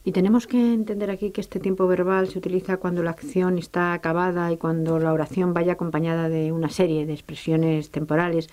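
Low, warm woman asking lesson questions. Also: level tone. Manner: asks measured, prompting questions. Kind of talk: educational radio lesson.

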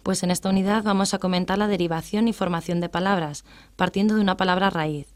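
A woman explaining English grammar in a radio lesson, patient and methodical, reading out English examples slowly. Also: lowish voice, fairly even intonation.

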